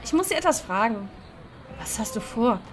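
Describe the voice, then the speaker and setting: A woman's voice: a little high, big pitch swings, normal speed, a little hiss or hum. A woman hosting a let's-play, reading a dating game aloud and voicing every character, playful and laughing at her own slips.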